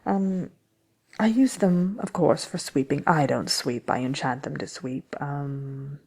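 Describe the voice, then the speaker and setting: A woman voicing the smug, envious Wicked Witch in a soft ASMR roleplay, talking slyly and haughtily with hesitant pauses. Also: sits low, exaggerated voice. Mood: smug, chatty. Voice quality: breathy, creaky, often near whispering. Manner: sly, haughty, hesitant with many drawn-out pauses. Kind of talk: ASMR roleplay, soft-spoken chatty answers to listener questions.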